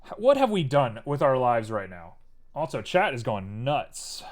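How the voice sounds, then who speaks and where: A man's voice: mid-range voice, sing-song, a little slow. Playful rambling young man streamer. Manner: muttering to himself, playful and rambling. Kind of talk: casual livestream commentary while 3D modeling.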